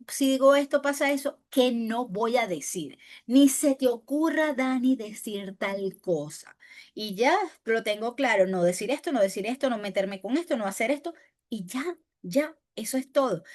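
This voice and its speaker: A woman teacher with a Venezuelan accent, giving a lively classroom lecture on handling pressure, often asking rhetorical questions and swinging between loud and soft. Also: on the high side. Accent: Venezuelan Spanish. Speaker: teacher of spokesperson training.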